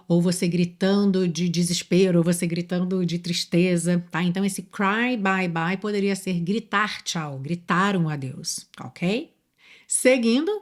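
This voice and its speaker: A woman with a Brazilian Portuguese accent, an English teacher explaining song lyrics step by step and reading the English lines slowly and clearly. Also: medium pitch.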